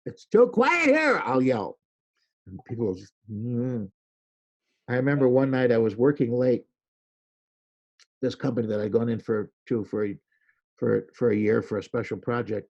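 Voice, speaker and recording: Gravelly lively male storyteller. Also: medium pitch, normal speed, pauses often, highs cut off. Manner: animated storyteller, acts out quoted lines loudly. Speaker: podcast guest, creativity speaker. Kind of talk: casual storytelling interview.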